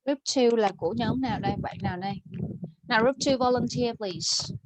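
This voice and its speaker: A woman teaching an online English class over a video call, correcting pronunciation and modelling words slowly. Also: fairly high pitch, no room sound.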